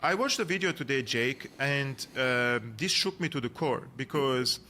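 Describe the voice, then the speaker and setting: A man's voice: medium pitch, expressive, unhurried, pushed and bright, a little hiss or hum. An earnest man with a Syrian Armenian accent, a journalist and analyst speaking as a guest in a podcast interview, with frequent fillers and restarts.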